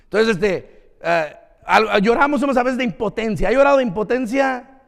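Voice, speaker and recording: A man preaching a sermon as pastor, lively and engaging, often asking the congregation questions. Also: extremely high pitch, normal speed, creaky, long reverb tail. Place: church.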